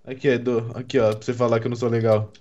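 A man's voice: mid-range voice, little pitch movement, very fast, dark tone, dull audio. A young Brazilian man with a Brazilian Portuguese accent, playfully needling his friends while gaming. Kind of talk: casual gameplay banter with friends.

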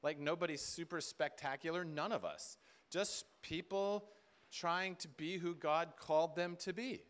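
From the back of a big indoor hall, a distant camera records a middle-aged man giving an informal sermon-style talk to a seated conference audience. His fairly high, slightly bright voice is unhurried as he converses, repeats words, and acts out lines of dialogue.

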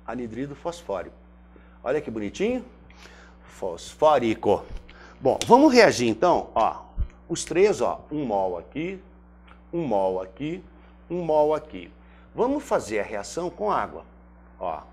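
A man's voice: mid-range voice, huge pitch swings, moderate pace, slightly rough. A Brazilian man teaching chemistry in a chatty classroom lecture. He asks himself questions by name and repeats each step aloud. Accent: Brazilian Portuguese. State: throat briefly irritated.

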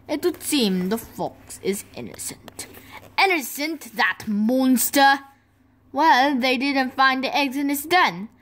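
An angry, bossy cartoon hen, shouting her demands. The voice is high, bright and shrill. Her tone is sharp and commanding. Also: heavily acted.

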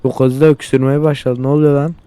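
A man's voice: medium pitch, little pitch movement, quick pace, mellow, clean tone. A young man hosting a let's-play, commenting crudely with constant swearing and exasperated outbursts. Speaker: gaming channel host.

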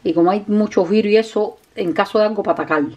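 A woman with a Cuban Spanish accent, chatting warmly to her viewers while cooking in her home kitchen, calling them "mi gente". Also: medium pitch, fast, dull audio. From Cuba. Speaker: cooking vlogger. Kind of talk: casual cooking vlog talk to viewers. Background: dishes, pots and pans clattering.

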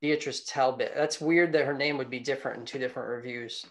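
A man's voice: medium pitch, steady tone, fast talker. A man co-hosting a podcast, talking about old films in a thoughtful, wandering way. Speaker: podcast co-host. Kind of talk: casual film discussion.

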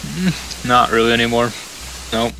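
A man's voice: medium pitch, moderate pace. A man playing incident commander in a firefighting game, speaking in terse police-radio style. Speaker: fire incident commander in a role-play game. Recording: faint hiss behind voice.

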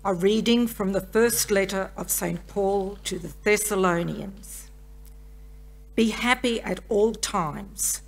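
Older woman reading scripture, creaky voice. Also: medium pitch. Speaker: lay reader at Mass. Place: church lectern, indoors. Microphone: gooseneck lectern microphone.

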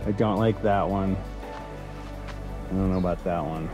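A man's voice: low voice, fairly even intonation, moderate pace. A man in his forties hosting a hiking vlog outdoors, chatting casually and joking between laughs. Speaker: hiking vlogger. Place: outdoors in a creek canyon. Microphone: camera-mounted mic held at arm's length. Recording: music playing behind.

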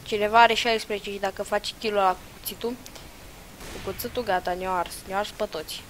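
A young woman talks over her own gameplay at a middle pitch, swinging between loud outbursts and muttered asides. A faint hiss sits under her voice. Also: fairly even intonation, rough recording. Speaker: gaming channel host. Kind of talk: casual gameplay commentary.

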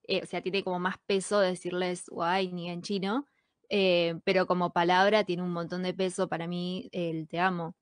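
A young woman with an Argentine accent answering interview questions from a small bedroom on a condenser mic, thoughtful and hesitant, pausing often to think. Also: fairly low pitch, flat delivery, clean tone, no echo. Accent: Argentine Spanish. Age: young adult. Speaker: singer and model guest. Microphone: headphones with studio condenser mic.

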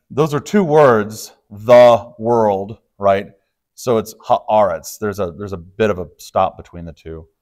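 Leading a casual Bible study in a church study room, a Texan pastor talks in a fairly low voice with lively intonation, a bit slowly. His explanations ramble conversationally, full of fillers and restarts.

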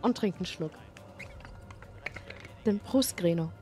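A woman's voice: fairly low pitch, takes it slowly, warm tone. A woman streamer giving casual, playful and chatty commentary while she plays a video game. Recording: faint game music behind. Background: faint music from the game.

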